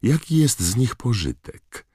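An arrogant teenage boy drawls his words with cold disdain, as a man puts him on in an audiobook. The voice is deep and dry, recorded close, and the sneer stays in every line. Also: lively intonation, extremely slow, gravelly, no room sound, heavily acted.

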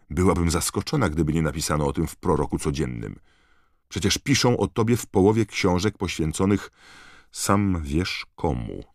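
A man's voice: deep voice, creaky, no room sound, clean studio sound, voice pushed up, heavily acted. A man voicing a clever, earnest teenage schoolgirl witch who explains things patiently and insistently.

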